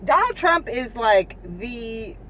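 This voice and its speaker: A woman's voice: a little high, takes it slowly, slight background noise. A woman vlogger ranting casually to her viewers, swearing a lot, restarting her sentences and asking "you know what I'm saying" again and again. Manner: restarts and stumbles, animated. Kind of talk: casual rant to camera.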